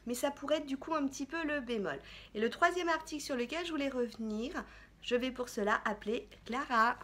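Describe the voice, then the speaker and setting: Woman beauty vlogger, high voice, chatty and halting, casual haul talk. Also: fairly bright tone. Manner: chatty, hesitant with frequent fillers. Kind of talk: casual haul vlog chat.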